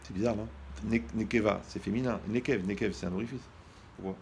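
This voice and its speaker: A man preaching as a rabbi, lively and joking, talking straight to the listener and acting out little scenes. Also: on the low side, a little fast, creaky, a little hiss or hum. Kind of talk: humorous sermon on marriage.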